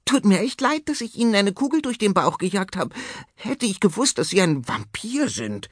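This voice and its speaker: A man voicing a brash, boastful male tomcat who talks fast and pushy in a storybook. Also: sits high, very animated, no room sound, voice pushed up. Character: brash male tomcat film director, cocky hustler. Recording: dry studio audiobook.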